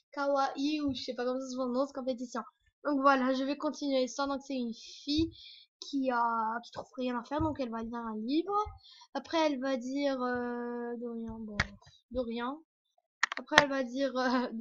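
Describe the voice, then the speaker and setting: A young woman vlogging in a rambling, hesitant way, full of fillers and restarts. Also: high voice. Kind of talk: casual rambling vlog. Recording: dull lo-fi recording.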